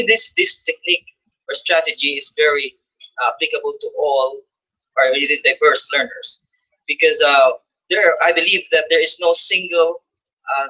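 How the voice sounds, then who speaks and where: A man's voice: on the high side, sharp tone, breathy edge. A man answering an audience question in a thoughtful, hesitant way. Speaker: workshop presenter answering questions. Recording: dull lo-fi classroom recording.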